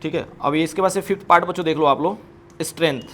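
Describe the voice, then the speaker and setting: A man teaching chemistry in a fairly high voice. He quizzes his class and answers his own questions, and a faint hiss runs under the recording. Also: fast, fairly bright tone. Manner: addresses students as kids, asks and answers own questions. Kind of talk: classroom lecture.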